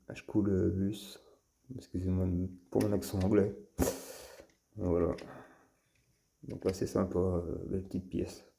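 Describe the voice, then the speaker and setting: Male vlogger, gravelly, dark-toned voice, unhurried, hesitant delivery while presenting toy finds. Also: sits low. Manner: halting, with frequent fillers and restarts. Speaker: toy car collector and channel host. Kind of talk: casual show-and-tell vlog.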